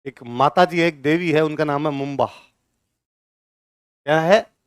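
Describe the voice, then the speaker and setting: A man's voice: fairly high pitch, measured pace, clean tone, no echo, clean studio sound. A male teacher giving a classroom lecture, firing questions at his students and answering them himself.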